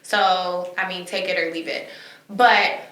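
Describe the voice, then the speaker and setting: A woman co-hosting a casual discussion, making her points with sharp rhetorical questions. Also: fairly low pitch, fairly even intonation, measured pace. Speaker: podcast co-host. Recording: echoey room.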